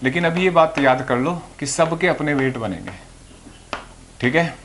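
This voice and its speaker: A man's voice: a little high, normal speed, fairly bright tone, a little hiss or hum. A man teaching physics to students, explaining patiently and answering his own questions as he goes. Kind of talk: classroom lecture. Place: classroom or room with a board.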